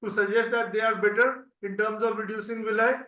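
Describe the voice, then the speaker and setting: A man moderating an online medical Q&A over a bad video-call connection, halting with many fillers. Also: high-pitched, little pitch movement, pushed and bright. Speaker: webinar moderator. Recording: roomy, distant, dull online call audio.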